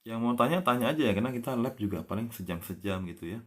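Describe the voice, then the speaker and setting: A man teaching language on a casual live stream, patiently drawing out example words and spelling them letter by letter, with a soft "ya" closing almost every phrase. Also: medium pitch, lively intonation, fast talker.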